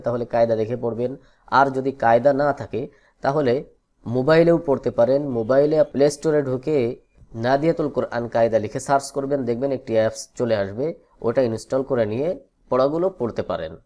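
Mellow-voiced man teaching Quran letters. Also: mid-range voice. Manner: slow drawn-out chanting of letter names; patient instructional explanation. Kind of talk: online Quran reading lesson.

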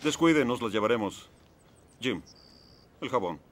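An actor playing a brisk, commanding middle-aged underworld fixer in a dubbed film, with clipped, dryly sardonic authority. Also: male voice, mid-range voice, lively intonation, natural voice. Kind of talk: dubbed film dialogue in Spanish. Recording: film soundtrack with faint background noise.

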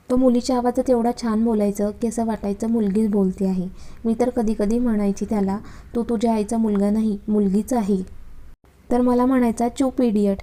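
A woman calmly reading a first-person love story aloud, with a Marathi accent. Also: fairly high pitch. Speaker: narrator.

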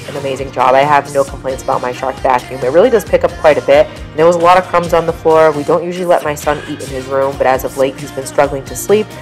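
Woman, 30s, deep-ish voice, casual practical cleaning narration, light music bed. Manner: chatty, practical, relaxed explaining. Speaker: cleaning vlogger.

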